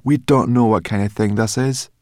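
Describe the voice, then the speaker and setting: A man voicing a sharp-tongued, impatient female brownie who hisses and scolds. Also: medium pitch, steady tone, moderate pace, dry recording, voice pushed up, close to an everyday voice. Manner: hissing, scolding.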